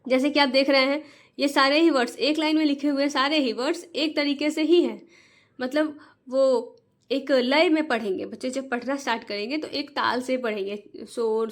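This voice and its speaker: A woman teacher explaining to parents how to teach children to read. She breaks words into syllables and repeats each word slowly and patiently. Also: high voice. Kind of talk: slow, patient Hindi reading lesson.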